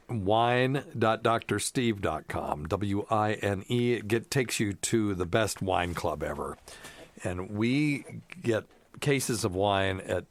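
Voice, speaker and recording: A middle-aged man with a lowish voice hosts a medical podcast, drifting through plugs and jokes with plenty of ums and uhs. His voice sits close and dry on a studio mic, with no room sound around it. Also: dry recording. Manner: rambling, jokey, many fillers. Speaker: podcast host, doctor. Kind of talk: casual chat and ad reads.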